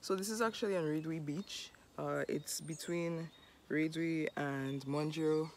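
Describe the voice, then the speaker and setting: A man's voice: fairly high pitch, steady tone, slow. A man from Saint Lucia chatting upbeat and casually as he vlogs a morning hike outdoors. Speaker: vlogger. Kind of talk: casual outdoor hiking vlog. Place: outdoors on a mountain trail. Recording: noisy outdoor camera audio.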